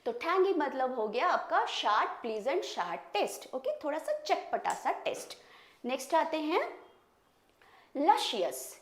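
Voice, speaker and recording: A woman from India with an Indian English accent, teaching vocabulary in a bilingual lesson and repeating words slowly to model their pronunciation. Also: high voice, wildly swooping pitch. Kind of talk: bilingual classroom lesson, explaining word meanings. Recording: echoey room.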